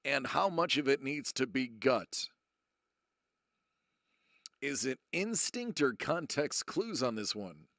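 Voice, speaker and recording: A man's voice: mid-range voice, sing-song, gravelly, fairly bright tone, dry recording, studio quality. A man hosting a live-streamed trivia game show, reading questions and chatting with viewers in the chat, stretching out his dramatic answer reveals. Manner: playful, drawn-out dramatic reveals.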